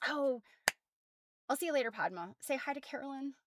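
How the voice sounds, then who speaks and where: Her voice sits high, expressive and brisk: an American woman hosting a quilting livestream. She explains things informally, wandering off into half-finished asides.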